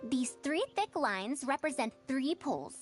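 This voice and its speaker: Anime game scholar girl, teachery and sure of herself, high bouncy voice over music. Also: animated, measured pace. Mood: instructive, confident. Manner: teacherly, assured. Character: confident, instructive young female scholar. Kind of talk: anime-style game voice acting.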